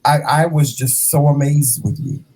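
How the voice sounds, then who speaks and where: A man in his fifties hosting a casual interview, animated and playful, calling his guest "child" and "honey". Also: a little high, moderate pace, low-quality recording. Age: 50s. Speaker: host.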